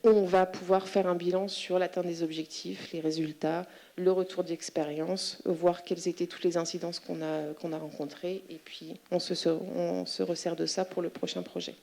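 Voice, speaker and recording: A woman giving an explanatory presentation to a professional conference, in a medium-pitched voice. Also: little pitch movement, moderate pace, gravelly, hardly any pauses, mellow. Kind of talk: explanatory presentation with questions and answers.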